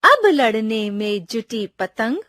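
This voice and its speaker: A woman reading a poem and a story aloud to children in an expressive, sing-song recitation. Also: a little high, takes it slowly, no room sound, clean studio sound.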